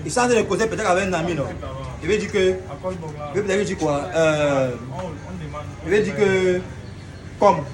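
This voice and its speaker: A man's voice: high voice, measured pace, long pauses. A man hosting a casual comedy video, playfully explaining things and acting out every example himself. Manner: playful, acts out examples with stuttering.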